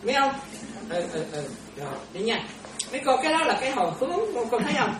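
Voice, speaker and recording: A woman's voice: fairly high pitch, very animated, fast. A Buddhist nun gives an informal dharma talk, chatting and often checking that her listeners are following. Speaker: Buddhist nun teaching disciples. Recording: roomy, distant, noisy room recording.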